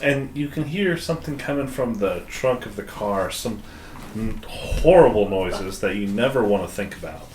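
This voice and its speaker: A man's voice: fairly low pitch, lively intonation, moderate pace, a little mellow. A man narrating as game master in a tabletop game, laughing often between lines. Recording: echoey room with faint noise.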